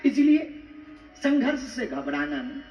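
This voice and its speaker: A man's voice: very high voice, big pitch swings, a little slow, a little mellow, a little hiss or hum. A man preacher delivering a spiritual discourse with rhyming lines and humorous stories, in a rhythmic, theatrical manner. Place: large live gathering. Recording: echoey, distant, dull live sound with faint music.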